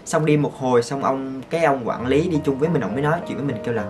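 A man, telling stories to his viewers as a vlogger in an excitable, gushing way. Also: mid-range voice, racing, faint music behind. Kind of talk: casual storytelling to viewers.

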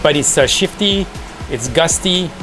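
A man co-hosting a sailing vlog, talking relaxed and rambling while out on a catamaran. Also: fairly high pitch, a little slow. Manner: relaxed, rambling, laughs easily. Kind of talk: casual vlog chat. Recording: with music underneath.

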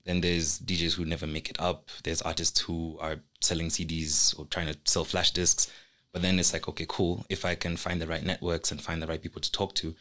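On a studio podcast, a young artist speaks as a guest with a low-pitched, fairly bright voice. He talks earnestly and thoughtfully about his work in a casual conversation, recorded in a small indoor studio through a stand-mounted microphone.

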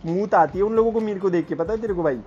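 A man gaming online, boasting, teasing teammates and shouting orders in casual banter. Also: high-pitched, rapid-fire, a little hiss or hum. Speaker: gamer streamer. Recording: lo-fi game capture with music. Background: game music and gunfire.

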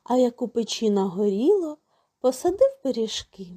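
A woman narrating a fairy tale for children in a slow, sing-song storytelling manner. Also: on the high side, very animated, mellow.

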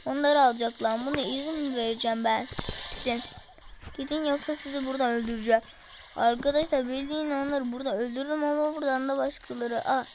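A woman giving casual, excitable commentary on her gameplay and talking to her viewers. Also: sits high, fast talker, noisy background. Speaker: gaming streamer. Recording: music playing in the background.

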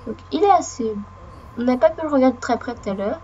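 A woman with a hoarse voice from a cold, sniffling while chatting and rambling through casual gameplay commentary, talking to the game and her viewers. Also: high-pitched, animated, fast talker, warm tone, highs cut off, a little hiss or hum. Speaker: let's play gamer.

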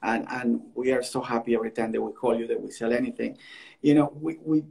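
A man working as an art dealer, speaking English as an in a halting way that repeats words, over a video call. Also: mid-range voice, fairly even intonation, vocal fry, dark tone. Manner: halting, repeats words, non-native phrasing. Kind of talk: casual conversation on a livestream.

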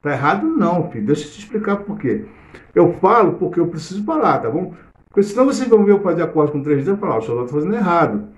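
In a relaxed live cavaquinho lesson, a middle-aged Brazilian Portuguese-accented man explains theory while playing, chatting and breaking into hummed or sung snippets. He speaks quickly, pitched high with big swings. The room is echoey and the cavaquinho is loud.

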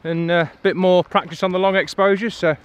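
By a waterfall in a valley, a man chats casually to camera as a photography vlogger, upbeat and colloquial, his voice sitting high with a steady, clean tone. It's filmed handheld in selfie framing with an on-camera mic, and rushing water from the waterfall and stream sounds behind him.

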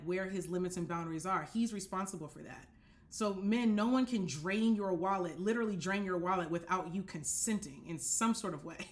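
A young woman hosting a casual dating-advice talk from her apartment, speaking straight to the camera, animated and direct, often checking that listeners follow. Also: on the low side. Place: apartment living room, indoors.

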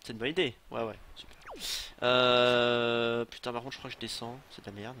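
A man's voice: medium pitch, flat delivery, normal speed, pushed and bright, slight background noise. A young man casually commenting on his gameplay, joking, swearing and talking to his chat. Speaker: let's play streamer. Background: game music.

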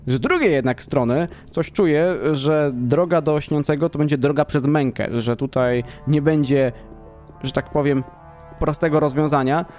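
A young man casually commenting on his gameplay, chatty and exasperated, sometimes yelling at the game, over a desk mic. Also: a little high, normal speed, faint music behind. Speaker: gaming YouTuber. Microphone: desk mic with in-ear headphones.

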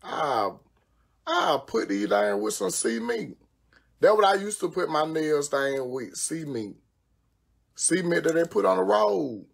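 Brash, gravelly woman chatting on a livestream. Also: sits low, big pitch swings, measured pace. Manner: brash, profane, exclamatory, frequent cursing; busy doing her own nails while talking. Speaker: social media personality. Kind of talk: casual livestream chat. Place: at home. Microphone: phone livestream.

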